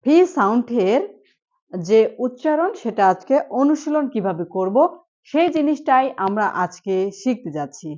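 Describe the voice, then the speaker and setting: A woman teaching an online English pronunciation lesson, speaking slowly and deliberately and repeating each word for practice. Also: fairly high pitch, expressive, a little mellow, lo-fi sound.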